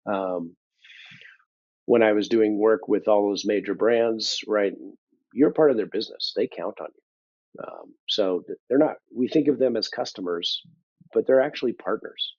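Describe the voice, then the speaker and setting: A thoughtful older man talking through his experience as an interview guest, pausing on ums and slipping in dry humor. His voice sits a little low, and the sound is dull and lo-fi, close and dry with no room around it. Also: a little mellow, husky, dry recording. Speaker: interview guest, business leader. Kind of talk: conversational interview.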